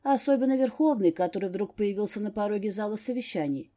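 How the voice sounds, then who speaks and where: A woman reads a fantasy novel aloud in the first person. Her delivery is measured and expressive, with a mellow, warm timbre at a middle pitch. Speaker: audiobook narrator.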